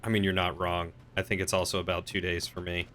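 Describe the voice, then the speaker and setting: Male game streamer: wry, playful casual commentary, bright mid-pitched voice, faint game noise behind. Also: little pitch movement, fast. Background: faint game sounds.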